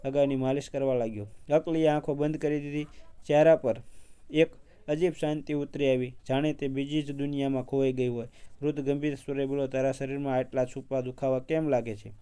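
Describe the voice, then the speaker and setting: A man narrating a scripted moral story in a calm, even storytelling manner. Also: medium pitch, clean tone.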